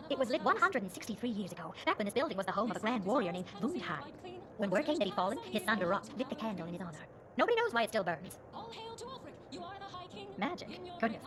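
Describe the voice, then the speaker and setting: An actress playing a chatty innkeeper woman in a video game, telling local lore in a folksy way. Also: a little high. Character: chatty, superstition-wary tavern innkeeper woman. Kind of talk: video game character dialogue. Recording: sped-up game audio under music.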